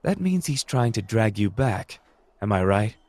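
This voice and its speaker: Playing a smooth-talking renegade sorcerer in an anime audio roleplay, a man uses a lowish, sing-song voice. He speaks with measured formality, persuading gently and manipulatively, and the recording has no echo as he works toward smooth persuasion.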